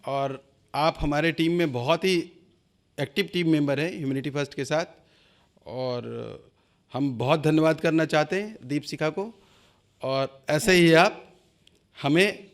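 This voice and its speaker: A man with a somewhat high voice hosts an online seminar. He talks formally and earnestly, pleading with his listeners and stopping often to hesitate mid-sentence. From India. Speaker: webinar host.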